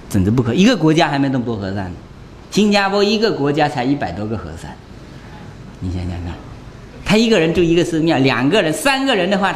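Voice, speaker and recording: A Buddhist monk gives a conversational dharma lecture in a slightly high voice, with a little hiss or hum on the recording. He's chatty and often tosses rhetorical questions to his listeners.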